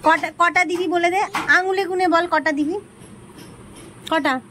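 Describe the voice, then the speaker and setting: Woman, very high voice, coaxing, teasing, repetitive questions, faint background hiss. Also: fairly even intonation, unhurried. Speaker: vlogger. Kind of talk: casual chat with a toddler.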